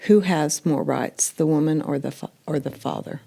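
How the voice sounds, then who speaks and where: A woman's voice: low-pitched, normal speed, creaky, warm tone, slightly rough. A woman hosting a podcast interview, asking direct questions in a conversational way. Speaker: podcast host.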